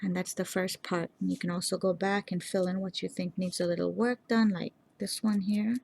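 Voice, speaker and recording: A woman hosting a nail art tutorial, explaining each step in a calm, instructive way and speaking to viewers directly. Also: fairly low pitch, moderate pace, vocal fry. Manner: calm, instructive, addresses viewers as "you guys". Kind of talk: casual step-by-step tutorial narration.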